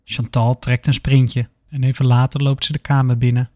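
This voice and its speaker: A man narrating a scripted horror story in a steady, measured way. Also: medium pitch, no echo, clean studio sound.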